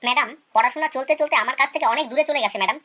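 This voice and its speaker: A high-pitched, rapid-fire voice brings to life a cheeky schoolboy in an animated comedy skit, begging and deferring as he makes excuses.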